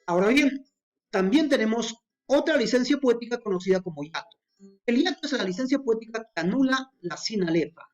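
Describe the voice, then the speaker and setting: A woman's voice: a little high, lively intonation, brisk, dull audio, faint music behind. Patient woman teaching poetic meter. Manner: patient, with frequent "eh" fillers and spelled-out examples. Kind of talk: explaining poetry meter.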